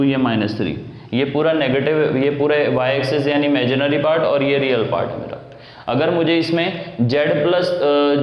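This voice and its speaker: A young man tutors math at a board, slightly high-voiced, walking through each step and putting questions to himself before answering them. The room rings with a long echo, and the recording sounds dull and lo-fi. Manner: explains step by step, asks and answers his own questions. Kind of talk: classroom lecture at a board.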